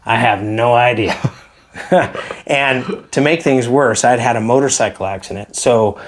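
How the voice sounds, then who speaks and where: A man's voice: medium pitch, unhurried. Man telling a wild flying story. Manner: animated storyteller acting out quotes. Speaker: helicopter pilot guest. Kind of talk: casual storytelling interview.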